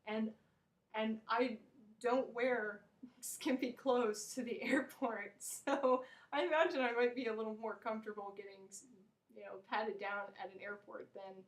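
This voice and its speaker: A woman's voice: fairly even intonation, unhurried, rough recording. An American woman vlogger delivering a blunt, opinionated, rambling rant to camera, with frequent restarts. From United States. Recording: low-volume home recording.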